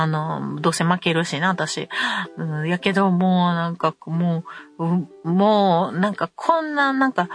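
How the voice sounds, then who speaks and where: A middle-aged woman with a Kansai accent, hosting a podcast and telling a story in a casual, animated way. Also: lowish voice. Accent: Kansai Japanese. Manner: animated storytelling, acting out quarrels. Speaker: podcast host.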